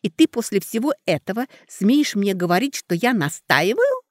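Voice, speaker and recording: A man voicing a domineering aristocratic mother who shouts commands at her grown son, read as an audiobook character. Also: high voice, big pitch swings, moderate pace, no echo, clean studio sound, voice pushed up. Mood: imperious, shouting. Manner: loud, commanding, scolding.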